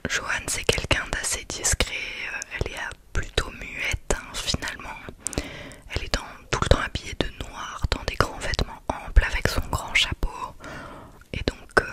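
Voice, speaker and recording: A woman whispers softly, as if in a library, giving an ASMR book review in a halting, reflective way. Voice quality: soft unvoiced whisper throughout. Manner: hushed, library-style whispering. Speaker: ASMR creator reviewing books.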